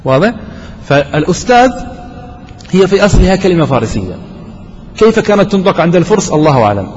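A man's voice: high voice, big pitch swings, fast talker, a little mellow, slight background noise. A man teaching a grammar lesson to a class, explaining step by step and often quizzing his students. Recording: dull lo-fi hall recording.

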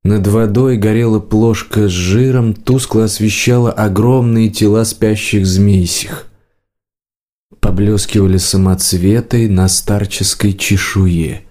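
A man narrating a fantasy audiobook in a measured, unhurried reading. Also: fairly low pitch, fairly even intonation, darkish tone.

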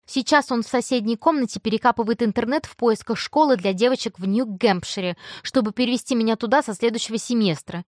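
A woman reads a first-person audiobook with lively, emotive delivery. Her voice sits in a middle register and the recording is dry and close, with no room around it. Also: fairly high pitch, fast talker, few pauses, no echo. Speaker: audiobook narrator.

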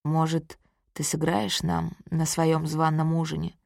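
A woman reading the part of a calm, kindly man who speaks in a soft, steady way. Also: low voice, a little slow, vocal fry, dry recording, clean studio sound, voice pushed down, full character voice. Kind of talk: audiobook character reading.

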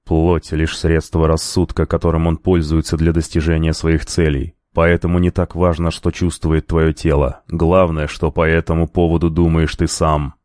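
A male narrator voicing an unseen male spirit who speaks in a slow, solemn, insistent bass. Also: monotone, darkish tone, no echo, clean studio sound. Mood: instructive. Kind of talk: audiobook character voice.

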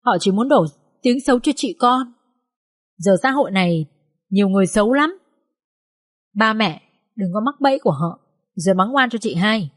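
A woman voicing a young student daughter who calmly pleads with her parents. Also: mid-range voice, moderate pace, pauses often, lightly acted. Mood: pleading reasoning. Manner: gentle, reasoning.

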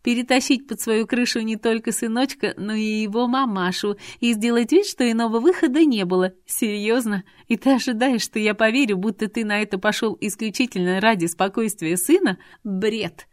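A woman voicing a haughty, jealous woman who speaks in a mocking, hissing, sharp-tongued way. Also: a little high, moderate pace, few pauses, no room sound, clean studio sound, voice pushed up, natural voice. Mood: indignant.

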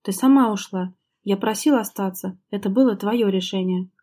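A defensive husband bristles and fires back short, clipped answers, as a woman reading an audiobook puts him on. Her mellow, warm tone keeps him close to her own voice. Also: medium pitch, normal speed, close to an everyday voice. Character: irritated husband, gruff and defensive.

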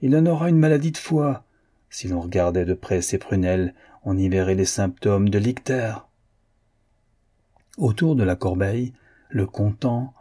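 A man narrating an audiobook in a measured, even literary reading. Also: sits low, breathy edge. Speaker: audiobook reader.

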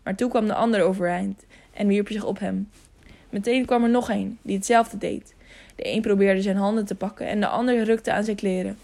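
A woman narrates an adventure novel for an audiobook in a steady, even reading voice. Her tone sits in a middle pitch with a noticeable gravelly fry. She occasionally stumbles and restarts a word before carrying on. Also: normal speed, few pauses.

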